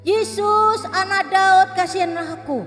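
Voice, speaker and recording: A desperate blind beggar man, as a woman teacher puts him on calls out in a high, straining voice. The pleas ring through a reverberant room with soft music underneath. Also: lively intonation, a little slow. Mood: pleading cries. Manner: cries out loudly, high and pleading.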